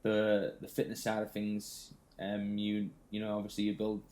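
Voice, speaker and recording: A man's voice: on the low side, completely flat delivery, moderate pace, darkish tone. A young man from the UK, chatting casually and laughing easily as a fitness vlogger. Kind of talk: casual chat.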